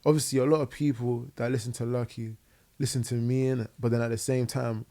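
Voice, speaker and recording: On a living room podcast set with a boom mic on an arm, a young guest musician from London talks casually, full of fillers and "innit." His voice is mid-range and level, quick-paced and dark.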